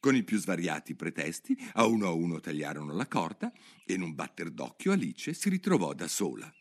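A man narrating a storybook in an expressive, measured way. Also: sits low. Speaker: audiobook narrator.

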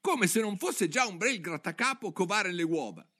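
A man voicing a shrill, anxious female pigeon guarding her eggs, screeching and indignant. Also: animated, normal speed, bright, forceful tone, full character voice.

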